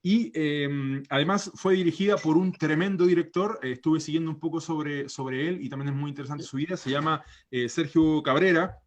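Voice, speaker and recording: A man's voice: on the high side, moderate pace, few pauses. Hesitant Chilean man hosting a panel. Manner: hesitant, many fillers and restarts. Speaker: host. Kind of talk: casual panel discussion.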